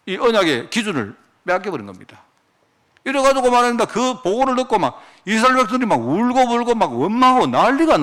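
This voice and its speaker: A man's voice: sits high, fairly bright tone. A male pastor preaching a sermon, firing off rhetorical questions as he goes.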